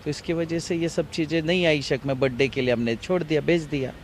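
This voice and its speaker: A grieving middle-aged father speaking in a halting, repetitive way during an outdoor TV interview. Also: fairly high pitch, fairly even intonation, slight background noise. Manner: halting, grief-stricken, repetitive. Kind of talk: emotional TV interview.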